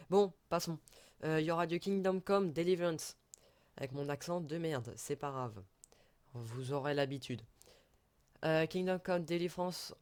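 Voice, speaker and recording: A man talks through a casual introduction to his gaming channel at a home computer desk. His voice sits at an ordinary middle pitch. He rambles, pokes fun at himself and drops the odd swear word.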